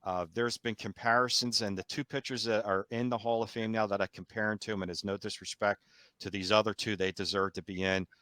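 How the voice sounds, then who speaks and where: A male host with a low, forceful voice, recorded dry and close. He states firm opinions in a casual tone and passes the floor to his panel. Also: little pitch movement, brisk, no echo. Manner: opinionated, then hands the floor to others.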